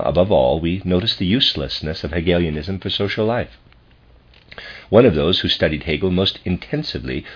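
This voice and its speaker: Deep husky guy reading out an academic lecture, formal and deliberate professor type, bit muffled lo-fi sound. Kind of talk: reading a scholarly philosophy lecture aloud. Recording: dull lo-fi recording.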